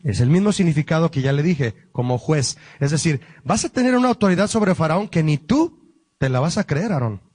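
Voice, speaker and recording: A man, a pastor, teaching a Bible study lesson, explaining word meanings slowly and asking the listeners questions. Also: fairly high pitch, lively intonation, darkish tone, dry recording.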